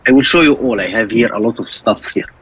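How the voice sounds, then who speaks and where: A man's voice: lowish voice, fast talker, fairly bright tone, poor audio. A man from Egypt with an Egyptian accent and Arabic as his first language, speaking simple non-native English as he tells his story in an interview, often repeating phrases. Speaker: interview guest, skull carver.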